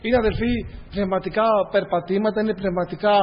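Preaching earnestly to the congregation, whom he calls brothers, this man speaks in a high voice with fairly even intonation. The sound is dull, and the church hall adds long reverb.

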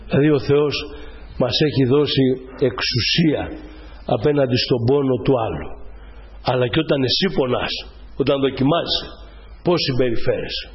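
A man's voice: medium pitch, animated, muffled recording. A middle-aged man preaching a sermon to his congregation, emphatic and repeating his key phrases.

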